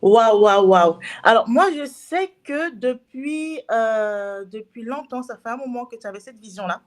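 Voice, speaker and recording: A woman's voice: fairly high pitch, measured pace. Effusive woman hosting. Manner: effusive, exclaims wow often. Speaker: host. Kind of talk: casual interview.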